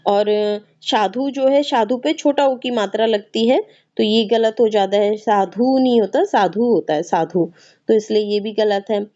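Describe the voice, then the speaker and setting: A woman with a Hindi accent from north India gives an exam-prep grammar lesson, her voice pitched a bit high yet mellow and dark in tone. She explains patiently, going over each word again and again. The recording sounds a little dull and muffled. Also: fairly even intonation, a little slow. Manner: explains patiently, repeats words, often asks ठीक है. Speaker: teacher.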